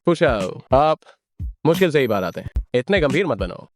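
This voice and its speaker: A man's voice: mid-range voice, moderate pace, faint music behind, close to an everyday voice. A man voicing a teasing young male friend in a dubbed drama, playful and mocking. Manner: teasing, lively.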